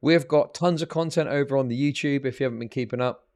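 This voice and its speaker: A man's voice: mid-range voice, fast talker, darkish tone. A man hosting a livestream, telling rambling, profane stories in casual chat that build into exasperated rants. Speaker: livestream host.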